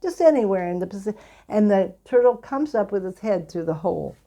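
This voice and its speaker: A woman giving a devotional talk, teaching with earnest, gentle storytelling and quoted asides. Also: mid-range voice, animated, brisk. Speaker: spiritual teacher. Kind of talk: devotional discourse.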